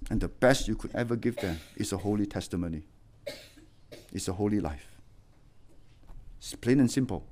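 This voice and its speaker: A middle-aged man preaching a sermon as a pastor, swinging between loud exhortation and quiet, low warnings. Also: moderate pace, long pauses, background noise.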